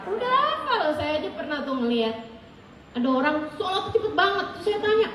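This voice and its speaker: A woman preacher telling a personal story in a religious talk, acting out the dialogue lively and with laughter. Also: high-pitched, a little fast, a crowd in the background, noisy background. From Indonesia. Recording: echoey room, distant mic, faint ambience.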